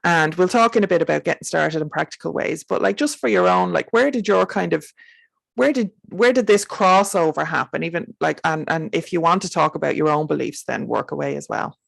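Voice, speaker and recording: A woman's voice: low voice, a little fast, gravelly, no echo. A woman with an Irish accent, hosting a casual interview with informal, tentatively phrased questions. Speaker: interview host.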